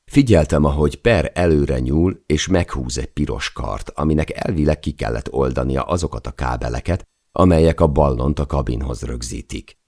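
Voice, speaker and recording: A man narrates an audiobook in the first person, measured and steady. His voice sits extremely low with a gravelly edge. The reading is calm and deliberate throughout.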